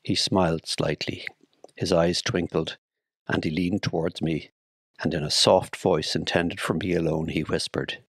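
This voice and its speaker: An Irish man reads his own memories slowly and solemnly, weighing each phrase. His voice is very low and gravelly. The recording is dry and close, with no room sound. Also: fairly even intonation, a bit bright, no echo. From Ireland. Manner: measured, solemn, deliberate. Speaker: storyteller recalling his work at the city morgue. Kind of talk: read memoir narration.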